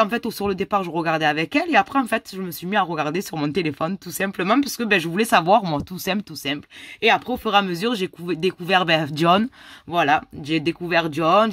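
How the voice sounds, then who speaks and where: A woman's voice: mid-range voice, a bit bright, no room sound. Chatty woman, dry close voice. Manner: chatty, rambling, full of fillers. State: ill and tired. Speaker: vlogger answering viewer questions. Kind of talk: casual chat.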